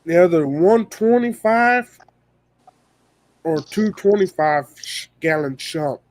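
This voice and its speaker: A man telling a folksy story in an easy, drawn-out way. His voice sits a little high and he takes his time. The sound is dry and close. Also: expressive, a little mellow, no room sound. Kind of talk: casual chat.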